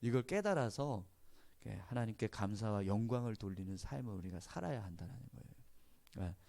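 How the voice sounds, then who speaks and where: A man's voice: lowish voice, animated, normal speed, a little mellow. A male pastor giving an early morning sermon in a conversational, storytelling way, often dropping in short affirming interjections.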